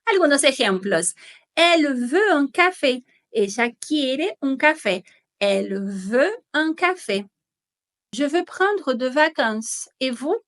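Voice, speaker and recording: A woman, teaching French patiently and clearly and often checking in with her students. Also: high-pitched, animated, a bit bright. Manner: patient and careful, checking in with "¿sí?" and modelling pronunciation slowly. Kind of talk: slow, clear language lesson.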